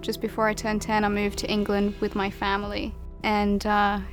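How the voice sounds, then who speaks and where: A young woman from Ukraine, a journalist, giving measured, reflective documentary narration. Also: medium pitch, monotone. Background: music.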